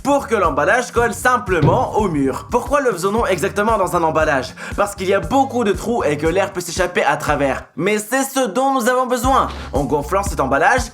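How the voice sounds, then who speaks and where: A man plays a male YouTube experimenter with a notably high voice. He presents science stunts in an explanatory, dubbed vlog style, with music playing behind him. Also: lively intonation, brisk, hardly any pauses, a bit bright. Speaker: video host.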